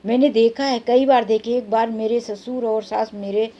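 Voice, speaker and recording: Earnest Hindi-speaking woman, dark warm voice. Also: fairly high pitch, fairly even intonation, normal speed, dull audio, a little hiss or hum. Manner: earnest, plainspoken, lecturing. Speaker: vlogger. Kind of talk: advice vlog talking to camera.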